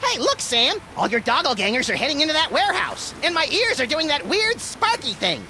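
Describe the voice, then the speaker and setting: High-pitched manic little cartoon creature. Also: male voice, brisk, slight background noise, exaggerated voice. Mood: eager wisecracking. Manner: excitable, wisecracking. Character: manic, mischievous small cartoon rabbit-like creature. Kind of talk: cartoon video game acting.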